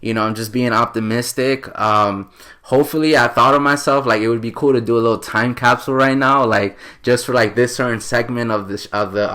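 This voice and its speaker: A man's voice: medium pitch, fairly bright tone. A man in his late twenties from New York, hosting a podcast in a casual, earnest, rambling way with many fillers. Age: 20s. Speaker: podcast host.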